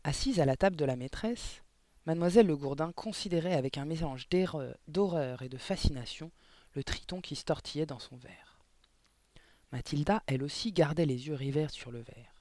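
A man with a slightly high voice narrates a children's novel aloud, telling the story expressively. The recording is dry and close, with no room sound. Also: moderate pace, mellow, no echo. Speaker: audiobook reader. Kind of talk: scripted narration.

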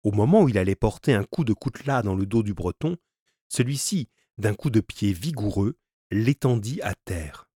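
Low-voiced male audiobook narrator. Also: animated, normal speed, mellow, husky, no echo, clean studio sound. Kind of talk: storybook reading of a classic novel.

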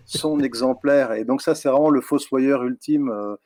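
A man, a guest author, telling stories in a rambling, relaxed way with many fillers. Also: mid-range voice, normal speed, dry recording. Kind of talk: casual interview chat.

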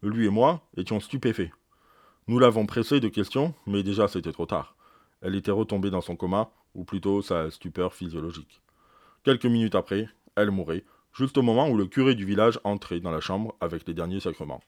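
A man reading aloud as a proud, precise senior doctor, recounting events in a measured, explanatory way. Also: fairly low pitch, darkish tone, dry recording, clean studio sound, close to an everyday voice. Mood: grave recounting. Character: eminent older male doctor, proud, precise.

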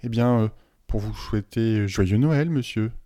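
A man's voice: fairly low pitch, measured pace, mellow, no echo, clean studio sound, natural voice. A man voicing a frightened but defiant schoolboy who pleads and bursts out in anger. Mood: nervous. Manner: pleading, rising to angry outbursts.

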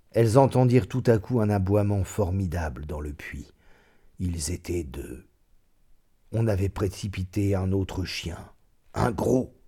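Low, dark-voiced man reading a story. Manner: expressive, voices the characters. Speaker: reader. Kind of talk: storybook narration.

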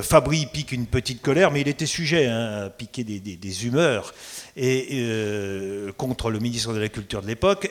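Chatty male moderator. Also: mid-range voice. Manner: chatty, asks long meandering questions with fillers. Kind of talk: hosting a book fair talk.

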